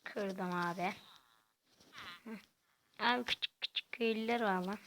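A woman giving casual, quiet gameplay commentary in a soft, halting way. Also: mid-range voice, fairly even intonation, noisy background. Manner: talks quietly and softly; halting, hesitant delivery. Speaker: gaming channel host.

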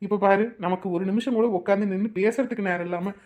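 A woman's voice: medium pitch, steady tone, fast talker, darkish tone, lo-fi sound, close to an everyday voice. A woman voicing a bickering middle-aged village husband and father who teases and scolds by turns. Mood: teasing. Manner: teasing, then scolding in bursts.

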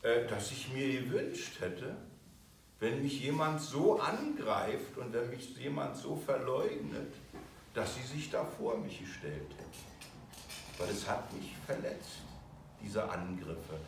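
A man's voice: mid-range voice, takes it slowly, creaky, slight background noise. A man teaching a video course. He gives an emotional lecture and acts out the voices he quotes. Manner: animated, acting out quoted voices. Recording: very echoey room from far off.

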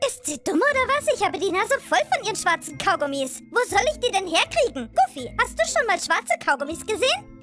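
A woman's voice: extremely high pitch, sing-song, a little fast. A woman voicing a chatty teenage girl vlogger in a cartoon dub, peppy and a bit bossy. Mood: irritated. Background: background music.

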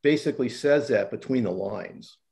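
An older man argues his case on a video call panel. He speaks at a middling pitch and keeps pressing and interrupting the others. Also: moderate pace, vocal fry, a little mellow. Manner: insistent, interrupting, argumentative. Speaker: panelist, economist.

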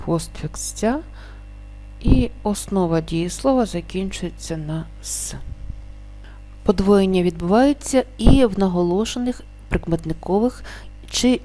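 A woman teaching a spelling lesson, explaining rules slowly and stretching out each example word. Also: fairly low pitch, expressive, mellow, faint music behind. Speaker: language teacher.

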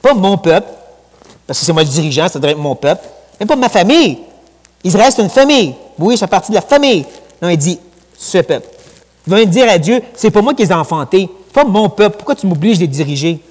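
A man with a Quebec French accent preaching a sermon in a church, lively and conversational, with colloquial asides. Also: high voice, quick pace. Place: church sanctuary. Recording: long church hall reverb.

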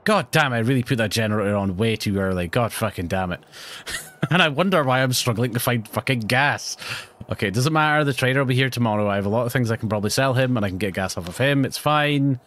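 A man streaming a horror game, talking to his viewers as he plays, jumpy and quick to swear. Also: mid-range voice, a bit bright. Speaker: let's play streamer. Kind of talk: live gameplay commentary.

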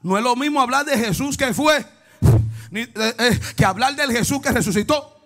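A male pastor preaching a sermon, moving between quiet storytelling and shouted, chanting praise aimed at the congregation. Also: very high voice, moderate pace. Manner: calls out to the congregation and cries out "woo".

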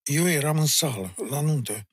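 A middle-aged man with a Maramureș Romanian accent tells stories in a casual podcast chat. He is emphatic and insistent, and his husky voice swings widely in pitch. The sound is dry and close to the mic. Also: no room sound. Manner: animated storyteller, addressing the host bluntly with "mă" and "domne". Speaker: guest, folk singer and music teacher.

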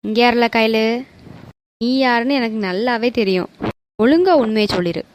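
A woman's voice: on the high side, normal speed, slight background noise, close to an everyday voice. A woman voicing a nosy, teasing young female friend. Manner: teasing, probing.

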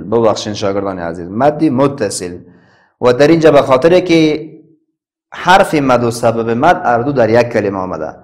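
A male teacher with an Afghan Dari accent leads a recitation lesson at a mid-range pitch. He drags out each letter and vowel sound, then chants the verse in a sing-song line. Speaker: Quran teacher.

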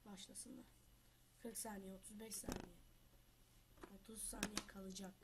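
A woman with the flu giving casual gameplay commentary as a channel host. She trash-talks loudly, then drops to quiet muttering to herself. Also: medium pitch, level tone, normal speed, heavy background noise. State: has the flu.

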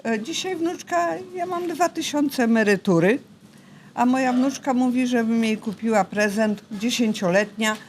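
A retired grandmother in her seventies is interviewed casually, speaking at a moderate pace in a voice on the high side. She is polite but insistent, with a folksy manner, and there is slight background noise.

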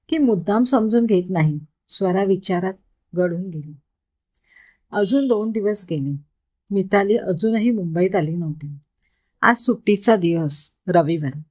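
A woman narrating an emotional story in a calm, even reading voice as host of her channel. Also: medium pitch, measured pace, long pauses.

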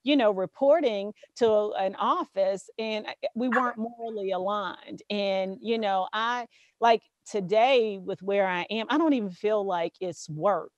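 A woman's voice: mid-range voice, measured pace, no room sound, highs cut off. A woman with a Southern US accent interviewing a guest in a casual, affirming way, with many fillers. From Southern US, Louisiana bayous.

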